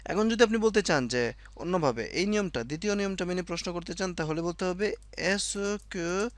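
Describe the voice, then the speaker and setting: A man with a high-pitched voice gives a casual spoken French lesson at a normal speed, with no room sound. He explains things step by step, repeats himself, and fills his speech with fillers and frequent self-corrections.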